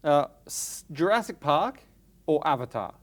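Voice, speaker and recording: Aussie guy cohosting a film chat in a cinema, gets really animated telling stories. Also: fairly high pitch, measured pace. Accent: Australian. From Australia. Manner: animated, emphatic storytelling. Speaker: podcast co-host. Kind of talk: casual chat.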